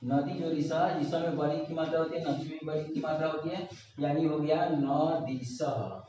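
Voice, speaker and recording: Male teacher, whiteboard lesson, slow repetitive explaining, very roomy echo, faint hum behind. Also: on the high side, steady tone, mellow. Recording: echoey room, distant mic, dull lo-fi sound.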